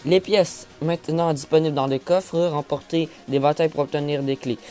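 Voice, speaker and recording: A man with a mellow, soft-edged voice talks through a game update in casual commentary, reading notes aloud. He stumbles over words, restarts and apologizes for his stammer. Faint music plays behind him. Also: fairly high pitch, fairly even intonation, normal speed. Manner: stammers and apologizes often, many fillers. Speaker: gaming YouTuber.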